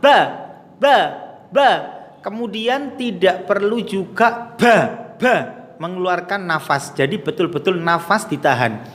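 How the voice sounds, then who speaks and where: A high-voiced man teaches children Quran recitation at an unhurried pace. He demonstrates each letter sound and has them repeat drills. His voice rings out with a long, hall-like reverb. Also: a bit bright.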